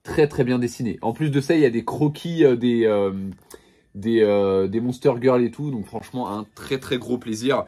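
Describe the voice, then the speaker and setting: Homme enthousiaste qui présente sa collection. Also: male voice, mid-range voice, normal speed, mellow. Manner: enthusiastic, many fillers and restarts. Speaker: manga collection reviewer. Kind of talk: casual product showcase vlog.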